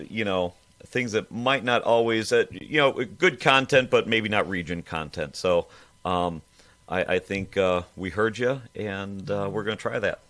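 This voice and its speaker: A man's voice: low-pitched, fairly bright tone, dry recording. A male radio host talking casually and hesitantly, with frequent restarts. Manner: hesitant, halting with many restarts. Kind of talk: casual talk radio hosting.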